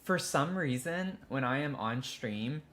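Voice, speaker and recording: This Tennessee man, Southern accent and all, chats on a live stream as he builds in a game, wandering off topic and interrupting himself. His medium-pitched voice is expressive and a bit bright, at a measured pace.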